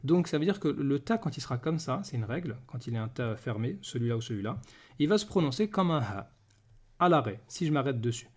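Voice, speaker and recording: A man teaching a beginners' reading lesson, patiently repeating each word slowly and checking understanding with frequent questions. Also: mid-range voice, sing-song.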